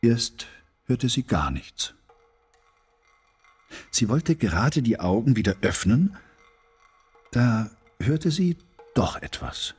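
A man reading a children's story aloud in an expressive storyteller's manner. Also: medium pitch, slow pace, long pauses, husky, faint music behind.

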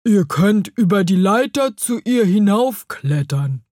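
A woman voicing a big, kindly male stag beetle who speaks slowly in a humming way. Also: medium pitch, lively intonation, warm tone, no echo, studio quality. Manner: slow, humming.

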